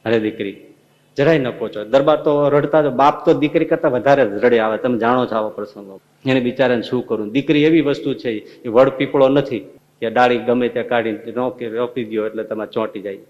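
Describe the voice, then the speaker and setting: A man in a mid-pitched voice preaches a devotional sermon, narrating a story with lively drama and stepping into its characters. The recording sounds slightly dull and muffled. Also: brisk, long reverb tail. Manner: dramatic, acts out dialogue. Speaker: religious preacher.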